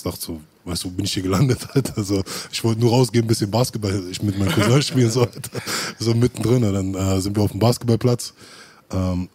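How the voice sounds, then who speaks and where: A man's voice: lowish voice, warm tone, husky. A man telling stories in casual chat, full of street slang and acted-out quotes. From Germany.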